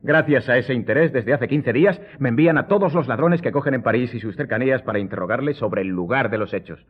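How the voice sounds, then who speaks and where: An actor playing a worldly, self-assured count in a radio drama, with a courtly, theatrical and wryly ironic manner. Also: male voice, mid-range voice, fast, slightly rough, close to an everyday voice. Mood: wry, animated. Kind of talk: Spanish radio drama acting. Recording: muffled, phone-like radio recording.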